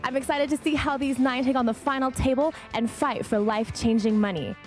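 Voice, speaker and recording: A woman's voice: sits high, fairly even intonation, brisk, soft background music. A woman presenting on site for a poker broadcast, introducing players in a cheerful, scripted way.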